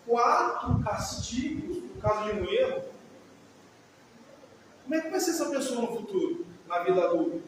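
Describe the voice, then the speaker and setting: A man with a very high voice and a Brazilian Portuguese accent lectures a live audience, conversational and full of questions to the room. He is caught from far off in a big hall, with heavy echo, long reverb and a faint hiss underneath. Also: very animated, normal speed, long pauses. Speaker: lecturer on emotional healing.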